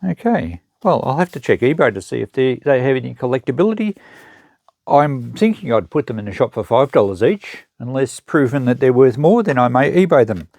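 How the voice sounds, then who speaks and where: Here the Australian secondhand seller and unboxing-channel host talks a little fast, his medium-pitched, slightly mellow voice swinging widely in pitch. The sound is clean studio quality with no echo. It's casual, matter-of-fact, unscripted show-and-tell as he shows items and thinks out loud.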